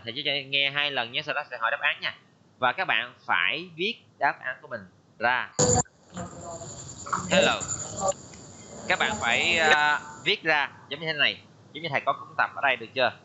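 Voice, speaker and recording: A male English teacher runs an online class, saying each word in English and then explaining it. His voice is bright and forceful, and the call audio sounds muffled and lo-fi. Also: medium pitch, slight background noise. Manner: mixes English words with Vietnamese explanations. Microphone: computer mic on a video call.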